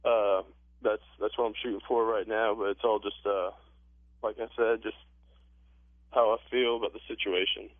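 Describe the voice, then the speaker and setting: A man in his late teens, a high school football player, answering casually in a halting, understated way. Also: flat delivery, dry recording. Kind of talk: casual phone interview. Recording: narrow, dry telephone line.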